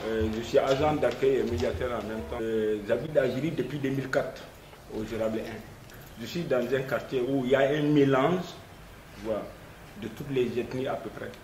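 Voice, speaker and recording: A man's voice: mid-range voice, steady tone, normal speed, darkish tone, roomy sound, a little hiss or hum, low-quality recording. A man who works as a reception agent and mediator, speaking plainly in an outdoor interview. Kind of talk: street interview answer. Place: outdoors in a housing estate.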